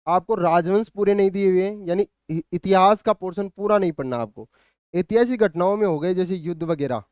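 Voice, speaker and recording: A man's voice: high voice, darkish tone, smooth, no room sound, studio quality. A male coaching teacher walking students through an exam syllabus, explaining patiently and often checking in with them. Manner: thinks aloud with hesitant fillers and restarts. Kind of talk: syllabus walkthrough lecture.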